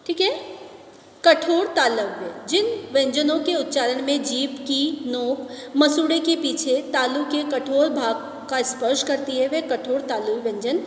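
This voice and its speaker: A woman teacher explaining a grammar lesson step by step, often pausing to check that students follow. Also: sits high, a little hiss or hum. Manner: explains step by step, checks understanding with rhetorical questions. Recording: echoey room, voice far from mic.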